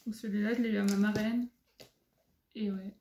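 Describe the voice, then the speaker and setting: A woman's voice: medium pitch, steady tone, moderate pace, dark tone, slight background noise. A young woman vlogger chatting casually, with many fillers and frequent laughs. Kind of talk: casual chat. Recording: echoey room.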